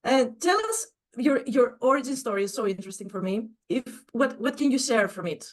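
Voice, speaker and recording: A woman hosting an education podcast, speaking in an effusive, warm way. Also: fairly high pitch, expressive, fairly quick. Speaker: podcast host. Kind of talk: podcast interview.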